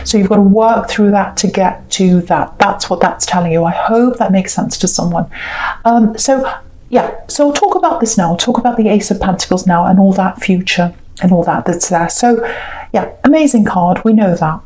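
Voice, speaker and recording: A woman's voice: medium pitch, normal speed, a little mellow, slight background noise, low-quality recording. A woman giving a mystical tarot reading in a conversational, unscripted way, explaining her intuitions hesitantly and reassuringly, often repeating herself. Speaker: tarot reader.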